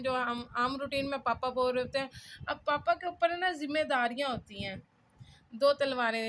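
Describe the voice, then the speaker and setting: A woman talking through her study notes in a chatty, casual way at home, with many pauses and fillers while she writes. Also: sits high, fairly bright tone, slight background noise. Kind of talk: casual explanation while writing. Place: home room.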